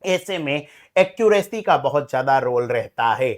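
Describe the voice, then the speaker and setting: A man's voice: medium pitch, expressive, a little slow. A young man, giving a casual exam-analysis lesson as a coaching teacher. He talks in a chatty, conversational way and keeps saying "theek hai".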